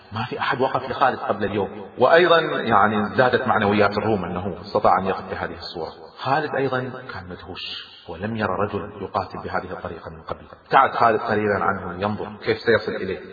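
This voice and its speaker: A man giving a lively, dramatic history lecture as a storyteller, acting out the dialogue, recorded in an echoey hall. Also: on the low side, highs cut off.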